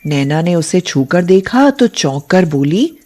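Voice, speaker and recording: A woman narrating a scripted cartoon story in a steady, plain manner. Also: lowish voice, unhurried.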